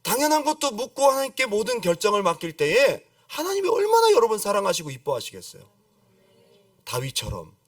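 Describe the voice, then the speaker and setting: A middle-aged man preaching a lively sermon as a pastor, acting out pleading prayers and calling on the congregation to repeat after him. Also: high-pitched, a little fast, dry recording, clean studio sound, distant mic. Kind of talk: lively Friday-service sermon. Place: church sanctuary.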